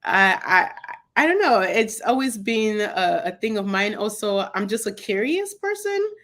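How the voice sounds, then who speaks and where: A young woman from Cameroon, a guest on a video call interview, speaking in a reflective, soft-spoken way with many fillers. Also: mid-range voice, sing-song, unhurried. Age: young adult. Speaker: guest, podcast host.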